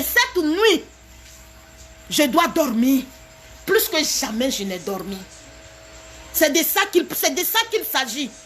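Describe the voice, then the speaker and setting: A woman with a very high, piercing voice, talking on a live stream. She keeps repeating her phrases for emphasis and slips small laughs between them, addressing her viewers directly. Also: sharp tone. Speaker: live video host.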